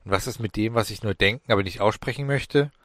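A male narrator voices a decent family man from a storybook, frightened and bewildered. His low voice stays close to the reader's own, recorded dry and near. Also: quick pace, a bit bright, no room sound, natural voice. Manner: bewildered, anxious questions.

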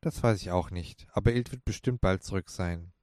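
A man voicing a gentle, curious young woman in a storybook reading, in his own voice. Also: low voice, moderate pace, no echo, clean studio sound, natural voice. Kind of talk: storybook character voice.

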